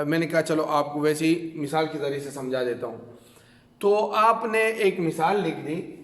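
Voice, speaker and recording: A man with a Pakistani Urdu accent teaching a reading lesson at a board, drilling questions and answers with frequent filler sounds. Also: a little high. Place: classroom with a board. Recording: echoey room with long reverb.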